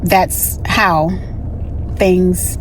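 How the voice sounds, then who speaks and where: A woman's voice: lowish voice, steady tone, extremely slow, a little hiss or hum, rough recording. A woman in her thirties who grew up in Miami, candidly recounting a story in a casual vlog and often adding "you know.". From raised in Miami, born in the Bahamas. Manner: candid, conversational, with frequent "you know" asides. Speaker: vlogger.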